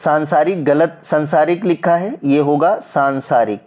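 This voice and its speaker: This man, a coaching teacher with a Hindi accent, explains exam practice questions slowly and with lots of repetition while regularly checking in with viewers. His voice is on the high side and a little mellow.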